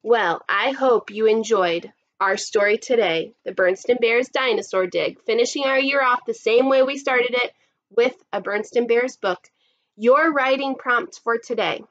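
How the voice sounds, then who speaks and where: The same kind of storytime unfolds as a thirtysomething kindergarten teacher reads expressively to young children in a small room set up as a classroom. Her slightly high, somewhat bright voice moves at normal speed, and the recording's highs are cut off.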